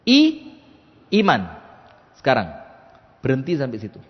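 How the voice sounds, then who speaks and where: A man preaching a mosque sermon, animated, swinging between loud and hushed, with teasing asides. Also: mid-range voice, measured pace. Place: large mosque hall. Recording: dull, reverberant mosque PA recording.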